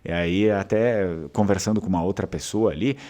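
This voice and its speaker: With a mellow, low-pitched voice and a slightly fast pace, a southern Brazilian man hosts his channel. He speaks with a southern Brazilian Portuguese accent in a casual, rambling way, often using fillers and starting over.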